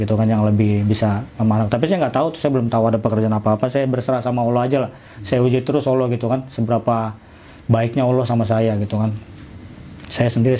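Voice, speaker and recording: A man's voice: mid-range voice, mellow, a little hiss or hum. A middle-aged man, casually telling his own story and acting out the dialogue. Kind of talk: casual personal testimony.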